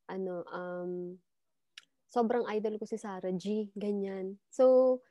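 A woman's voice: mid-range voice, steady tone, slow pace, dark tone, no echo, lo-fi sound. A woman from the Philippines, chatting as an interview guest and telling a story with lots of fillers. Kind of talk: casual chat.

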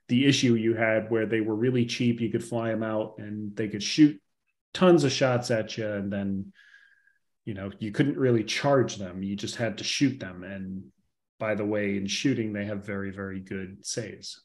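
A man co-hosting a podcast, talking through game rule changes in a loose, rambling way with many fillers and restarts. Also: fairly low pitch. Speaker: podcast co-host. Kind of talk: casual gaming chat.

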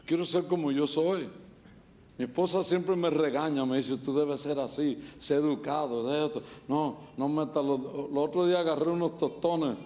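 A man's voice: medium pitch, a little mellow, slight background noise. A middle-aged man from Puerto Rico with a Puerto Rican accent, preaching a humorous sermon at a church service, full of jokes and stories. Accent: Puerto Rican Spanish. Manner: joking, storytelling, quick asides. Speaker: pastor.

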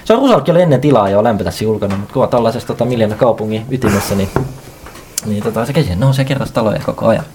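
A man's voice: fairly low pitch, noisy background. A man hosting a casual sports podcast, reading listener messages aloud and laughing often between them. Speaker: podcast host.

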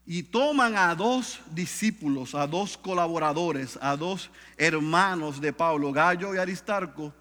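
A man preaching a sermon with great drama, dropping low and quiet and then rising to loud, high cries. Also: measured pace, few pauses, in a large hall. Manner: swings from hushed to shouting, dramatic.

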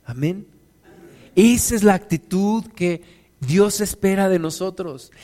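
A pastor preaching in a high voice, folksy and vivid. He slips into the people of the story as he goes, keeping his tone down-to-earth. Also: expressive, slow, warm tone. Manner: folksy, acts out biblical figures. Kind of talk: sermon.

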